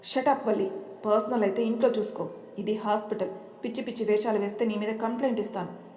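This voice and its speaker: A woman's voice: mid-range voice, steady tone, fast talker, darkish tone, slight background noise, lightly acted. A woman voicing a stern, protective older brother who scolds and consoles in a Telugu audio story. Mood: angry. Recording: roomy echo.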